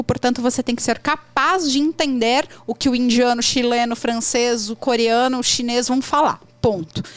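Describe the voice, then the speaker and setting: A Brazilian woman with a high voice and a Brazilian accent talks casually and emphatically, repeating words as she makes her points. Her voice is recorded dry and close, with no room echo. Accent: Brazilian Portuguese. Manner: animated storytelling with emphatic repetitions. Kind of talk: casual conversational advice.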